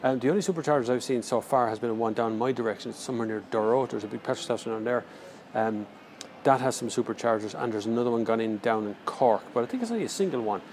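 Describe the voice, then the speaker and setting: Gravelly Irish man chatting on a livestream. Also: medium pitch, fast, darkish tone. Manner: rambling, jokey, slangy. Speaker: car reviewer livestreaming. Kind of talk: casual live chat, answering viewer questions. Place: large indoor airport terminal. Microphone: handheld phone. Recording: faint airport terminal noise.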